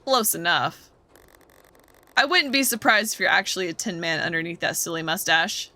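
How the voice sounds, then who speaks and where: A woman's voice: on the low side, bright, forceful tone. A woman voicing a blunt, sarcastic young apprentice in a game. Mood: angry. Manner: sarcastic, rude, quick.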